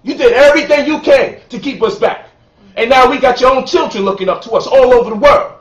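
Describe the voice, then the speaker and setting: A man from Brooklyn holds forth with emphatic, boastful, preacher-like cadence, his voice pitched high. He is caught from a distance in an echoey room on a dull, muffled recording. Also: fast, fairly bright tone. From Brooklyn, New York. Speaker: lecturer and author. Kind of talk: heated sit-down interview.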